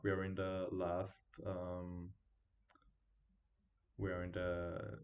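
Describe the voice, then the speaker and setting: A man with a deep, low voice gives live trading commentary from home. He thinks aloud over the charts and chats easily with his viewers. His built-in computer mic makes him sound quiet and dull. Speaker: day trading streamer.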